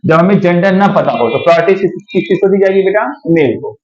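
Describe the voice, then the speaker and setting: A man teaching English grammar to a class, coaxing and checking again and again that students understand, slowing down to dictate sentences. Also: high-pitched, a little mellow, dull audio. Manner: calls students beta, slows to dictate sentences.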